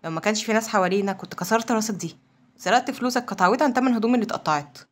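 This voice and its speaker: A woman voices a hot-tempered young orphan who answers every insult with a sharp, indignant retort in Egyptian Arabic. The lines rush out very fast at a middle pitch. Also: a little hiss or hum, close to an everyday voice.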